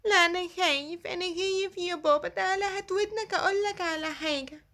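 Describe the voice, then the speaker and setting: A woman's voice: very high-pitched, fast talker, pushed and bright, heavily acted. A woman voicing a small child in a cartoon, who speaks with an Egyptian Arabic accent and pleads with her father, repeating "daddy" over and over. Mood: fearful.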